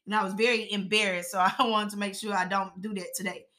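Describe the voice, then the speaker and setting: A young adult woman hosting a casual devotional call, reading scripture aloud slowly and then explaining it in loose, slangy everyday talk. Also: medium pitch, flat delivery, bright, forceful tone. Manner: conversational and slangy, reads verses aloud slowly then riffs on them. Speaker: host leading a daily devotional call.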